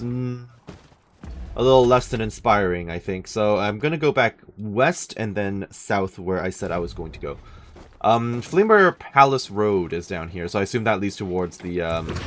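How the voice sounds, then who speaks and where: A man's voice: lowish voice, a little hiss or hum. A man commentating casually as he plays a game, thinking aloud in a dry way. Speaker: gaming let's-player.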